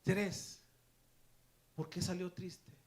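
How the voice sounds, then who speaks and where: A man preaching a sermon as pastor, telling stories and moving from hushed asides to loud, excited preaching in a church. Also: high voice, very slow. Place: church sanctuary.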